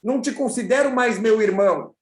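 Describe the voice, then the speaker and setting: A man's voice: high voice, fairly quick, natural voice. A man with a Brazilian accent voicing a cold rich man who turns his brother away, speaking in a curt, dismissive way. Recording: echoey room over a video call.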